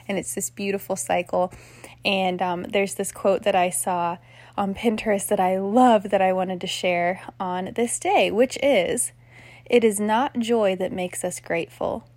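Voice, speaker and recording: A woman's voice: medium pitch, fairly even intonation, unhurried, darkish tone, no echo. Woman podcasting off her phone in bed, earnest and encouraging, dry close sound. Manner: earnest, encouraging, gushing thanks. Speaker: podcast host. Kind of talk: casual heartfelt chat. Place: in bed at home. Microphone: phone recording.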